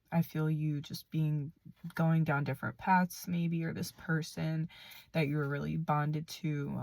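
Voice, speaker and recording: A woman giving a gentle, affirming spiritual reading to camera, her voice a little rough from being sick, with frequent fillers and soft laughs. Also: deep voice, dry recording. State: voice a bit rough from illness. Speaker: spiritual card reader. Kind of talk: channeled collective reading to camera.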